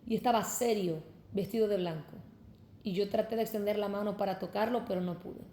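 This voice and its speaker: Cuban-born young woman, fervent preacher's testimony, mellow voice in an echoey room. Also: medium pitch, steady tone, fairly quick, a little hiss or hum. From Cuba. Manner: fervent, addresses listeners as brothers.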